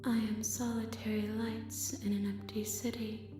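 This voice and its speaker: An actress playing a solemn, curious otherworldly female entity in a game, speaking softly and breathily in a measured, poetic way. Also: medium pitch, close to an everyday voice. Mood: solemn, wondering. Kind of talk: dramatic game voice acting. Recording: echoing voice over music.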